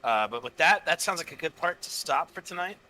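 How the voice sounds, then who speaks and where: A man's voice: a little high, lively intonation, a little fast, sharp tone, rough recording. A man co-hosting a podcast, chatting casually and agreeing eagerly. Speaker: podcast co-host. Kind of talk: casual chat.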